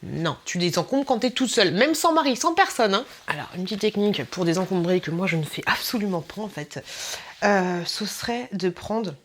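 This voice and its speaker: A woman's voice: expressive, moderate pace. A young woman, chatting casually to camera as a vlogger, laughing often and using slang. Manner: chatty, laughing, slangy, mimics people with sudden high voices.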